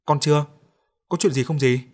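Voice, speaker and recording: A man's voice: on the high side, steady tone, normal speed, darkish tone, natural voice. A man voicing a polite, helpful young mother in a spoken audio story.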